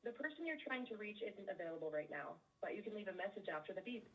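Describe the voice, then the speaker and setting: A woman's voice: mid-range voice, big pitch swings, fast. A woman's automated voicemail greeting heard over a phone line, giving a scripted, upbeat prompt. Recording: muffled phone audio, distant.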